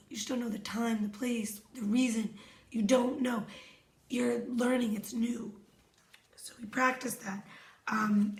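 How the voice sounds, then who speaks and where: A hoarse, slightly high-voiced woman gives a reflective self-help talk as a wellness coach, speaking softly and meditatively and often dropping to a whisper. The room is echoey.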